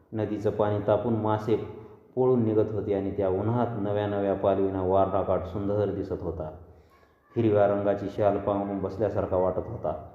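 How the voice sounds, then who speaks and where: Deep-voiced man narrating a novel. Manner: steady, dramatic storytelling. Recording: echoey dull lo-fi reverb.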